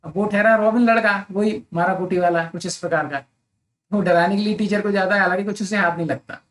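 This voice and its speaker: A man's voice: high-pitched, fairly bright tone. Man explaining a chapter summary to students. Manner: reads English summary lines slowly, then explains them in Hindi; frequent tag questions to the listener. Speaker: English literature teacher for exam prep. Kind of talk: explaining a novel chapter summary, lecture-style.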